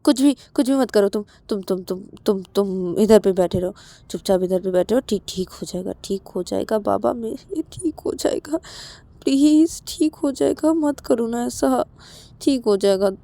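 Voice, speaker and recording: A woman voicing a patient young woman who coaxes and reassures, repeating herself to calm someone. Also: mid-range voice, a little fast, no room sound, lightly acted. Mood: soothing.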